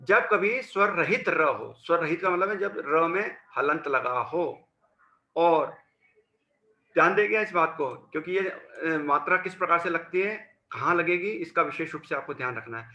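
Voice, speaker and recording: Bright-voiced man teaching in an echoey room. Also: fairly high pitch, expressive, moderate pace, muffled recording. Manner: patient, repeats and spells out sounds. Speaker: school teacher. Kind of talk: classroom lesson on Hindi grammar.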